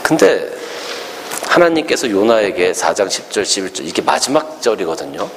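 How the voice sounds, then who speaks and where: A man preaching a storytelling sermon as a pastor, animated and acting out the characters' words. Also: lowish voice, normal speed, long reverb tail, background noise.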